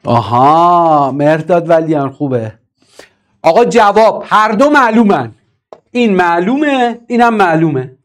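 A man teaching English grammar in a live online class, reading and answering the chat and driving his points home with emphatic repetition. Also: sits high. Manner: lively, emphatic, repeats key points.

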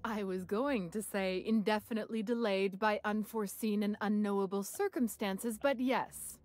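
A woman's voice: mid-range voice, fairly even intonation, normal speed, a little mellow, no echo, close to an everyday voice. An actress voicing a sly, discreet woman who runs a secret venue in a game, talking in a coy, conspiratorial, dryly smug way. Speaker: game character, gallery receptionist.

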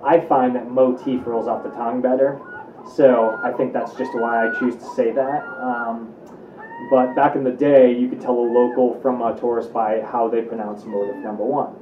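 A man chatting hesitantly in an interview, halting at first. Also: medium pitch, little pitch movement, background noise. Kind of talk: casual interview. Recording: distant, echoey, dull lo-fi sound.

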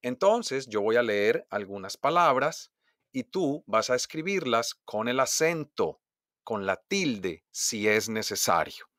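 A man teaching a recorded language lesson, reading words slowly and exaggerating each stressed syllable for dictation. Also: mid-range voice, sing-song, a bit bright, no room sound, clean studio sound. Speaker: Spanish teacher.

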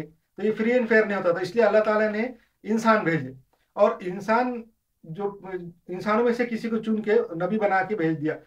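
High-voiced man teaching a religious lesson. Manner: explains with examples, often restarts and hesitates. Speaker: religious lecturer. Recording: distant, dull lo-fi.

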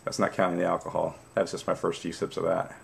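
A man in his forties chatting casually to camera in a savoring way, pausing between puffs on a pipe. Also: deep voice, flat delivery, creaky, slight background noise. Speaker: pipe-smoking vlogger. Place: small dim room at home, indoors.

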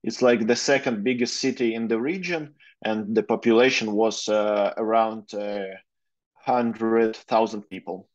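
A young man in his twenties with a Russian accent and a fairly low voice answers questions over a video call. He hesitates often and fills gaps with "uh". The audio is dull and lo-fi. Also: fairly even intonation, measured pace. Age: 20s. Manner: hesitant, many fillers, careful non-native phrasing. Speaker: guest lawyer. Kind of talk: interview answers. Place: plain room, indoors.

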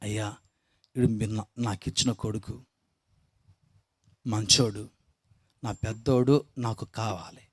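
A woman's voice: on the low side, a little slow, pauses often, warm tone, dry recording, studio quality. A man voicing his weeping mother as she pleads in prayer for her son. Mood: pleading.

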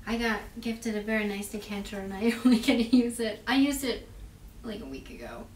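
A woman hosting a casual wine tasting chat, upbeat and chatty with quick asides. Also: medium pitch, lively intonation. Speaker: wine shop host. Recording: echoey room, far mic, faint noise.

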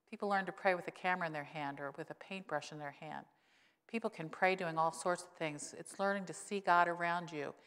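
In a long-reverb church sanctuary, a woman pastor in her sixties gives a conversational sermon with a wry streak, speaking into the pulpit mic. Her delivery is a little fast, smooth and fairly bright, and she says her voice got lower after an illness.

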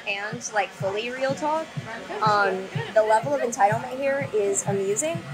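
A young woman vlogs to camera with her phone at arm's length, wandering a holiday villa's interior and sunny terraces while talking candidly. She curses freely and lingers on casual fillers, her voice fairly high-pitched. The recording sounds rough.

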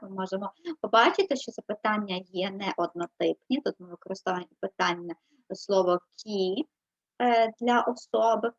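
A woman's voice: medium pitch, gravelly, no echo. A woman teaching a French lesson, explaining patiently and often checking with her students. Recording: dull lo-fi sound.

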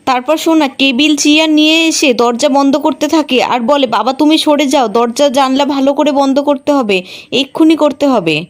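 A woman with a high voice tells a serial episode as a story. She reads every character's lines herself, keeping a plain storytelling tone throughout. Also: normal speed. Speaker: serial recap narrator. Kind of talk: scripted storytelling recap.

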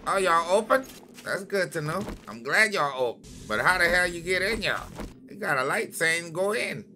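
A man doing loud, excitable let's-play commentary, trash-talking enemies in the game. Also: sits high, a little hiss or hum. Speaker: gaming channel host.

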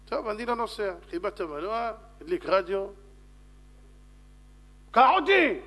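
A man, a rabbi, telling a story in a sermon and acting out shouts and dialogue. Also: sits high. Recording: long hall reverb.

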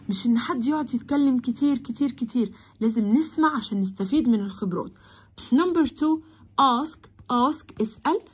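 A woman with an Egyptian Arabic accent, teaching a primary school English lesson and stretching out the English words slowly between her Arabic explanations. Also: on the high side, husky.

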